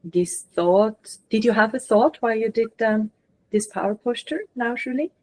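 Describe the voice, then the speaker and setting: A woman channeler guiding a participant through a session, talking gently and coaching, often filling in with "like". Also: a little high, moderate pace, poor audio.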